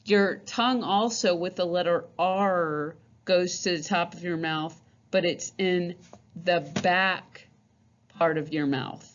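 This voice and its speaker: Lady teacher going slow thru letter sounds, kinda low voice, muffled lo-fi audio. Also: slight background noise. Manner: slow, patient, repeats sounds many times. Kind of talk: phonics lesson demonstrating letter sounds. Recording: dull lo-fi recording.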